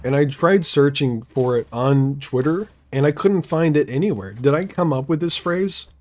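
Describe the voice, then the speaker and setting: A man's voice: fairly high pitch, animated, moderate pace, a little mellow, slight background noise. A young man chatting casually while streaming a game live, rambling through sarcastic asides.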